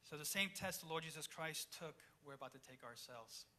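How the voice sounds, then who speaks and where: Pastor, male, from Chile, sermon delivery that shifts between loud and hushed, bright tone. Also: a little high, expressive, fairly quick. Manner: reads scripture aloud then explains it, swings between loud and hushed.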